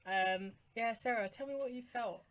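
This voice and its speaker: A woman's voice: a little high, normal speed. A British woman co-hosting a podcast, chatting casually and enthusiastically about songs, often rambling and laughing. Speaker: podcast co-host. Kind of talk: casual chat reviewing songs.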